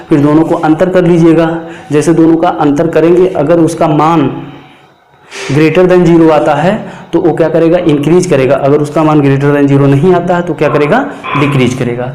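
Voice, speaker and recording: Math teacher guy lecturing, keeps asking and answering his own questions, slightly high mellow voice, echoey room. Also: a little hiss or hum. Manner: rhetorical questions answered himself, dictating formulas slowly. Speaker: mathematics teacher. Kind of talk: classroom lecture explaining problems.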